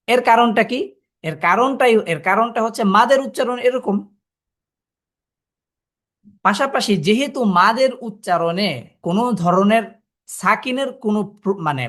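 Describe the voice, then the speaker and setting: Teaching a Quran reading lesson in class, a man whose voice sits high and sounds fairly bright demonstrates by sounding out letters. He moves step by step and poses rhetorical questions to the listeners.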